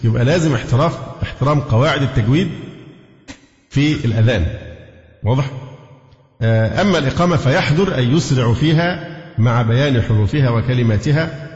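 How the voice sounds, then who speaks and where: A man's voice: mid-range voice, brisk, long pauses, darkish tone. A man with an Egyptian accent teaching a religious lesson. He explains step by step, asks the class questions and demonstrates recitations. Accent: Egyptian Arabic. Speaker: Islamic scholar teaching. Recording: echoey lo-fi hall recording.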